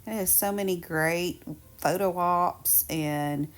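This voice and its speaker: A woman's voice: on the low side, slow pace, clear, resonant tone. A woman giving casual, upbeat vlog narration in a chatty way. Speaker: travel vlogger.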